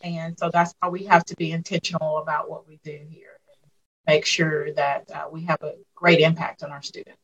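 Over a call, a woman in her fifties from Arkansas, a school superintendent, reminisces about her life in a relaxed interview. Her deep voice stays level at normal speed, warm and reflective, with fillers throughout. The highs are cut off.

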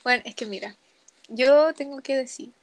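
A young Chilean woman chats casually with a slightly high voice, easygoing and self-deprecating as she tells her stories. Her delivery is relaxed and conversational. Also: moderate pace, a crowd in the background. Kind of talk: casual chat.

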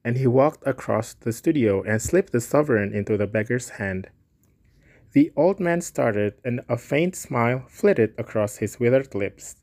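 A man narrating a classic short story aloud in a measured, even reading voice. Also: medium pitch. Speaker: story reader.

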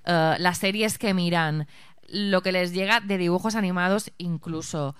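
A woman co-hosting a casual podcast, telling anecdotes in an animated way. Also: fairly low pitch, measured pace, smooth, no room sound, clean studio sound. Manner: animated storytelling. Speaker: podcast co-host. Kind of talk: casual chat.

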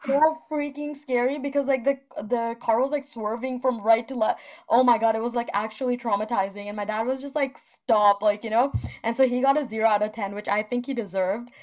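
A woman's voice: a little high, steady tone, brisk, darkish tone. A young woman co-hosting a casual chat, talking colloquially with lots of filler "like". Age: young adult. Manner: colloquial, giggly, heavy use of "like".

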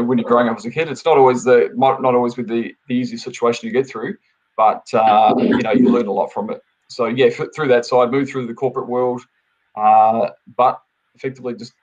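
A man from New Zealand, speaking with a New Zealand accent, tells his story steadily as a guest on a casual podcast interview, using many fillers. His voice is medium-pitched with a darkish tone, and the recording quality is low.

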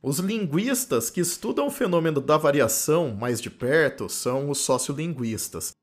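A man's voice: a little high, lively intonation, moderate pace, faint music behind. A man from the interior of São Paulo with a Campinas accent and retroflex caipira R, a linguistics professor explaining ideas in a podcast lecture recorded in his home office, often adding "né?" tags. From Campinas, interior of São Paulo state, Brazil.

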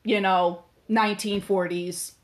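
A woman's voice: mid-range voice, steady tone, a little slow. Rambling woman podcast co-host. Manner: rambling, many fillers and restarts. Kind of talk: casual chat.

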